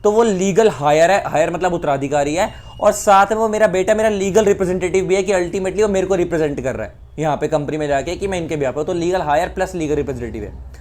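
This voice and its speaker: एक भारतीय पुरुष शिक्षक, जो हिंदी और अंग्रेज़ी मिलाकर उदाहरणों के साथ कानून समझाता है।. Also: male voice, sits high, fast talker, darkish tone. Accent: Indian. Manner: explains with repeated examples, mixing Hindi and English. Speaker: law teacher. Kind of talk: explanatory lecture.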